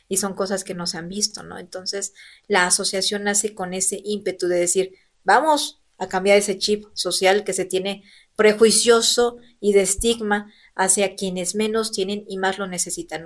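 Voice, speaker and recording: A woman, in her thirties, telling her personal story as an interview guest, earnest and animated. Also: medium pitch, normal speed. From Mexico. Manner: earnest, animated, acts out quoted voices. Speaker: interview guest, elected local legislator.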